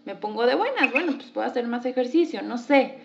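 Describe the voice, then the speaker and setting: A woman's voice: a little high, animated, brisk, vocal fry, muffled recording. A woman podcast host, reflecting aloud and asking herself rhetorical questions. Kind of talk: podcast conversation.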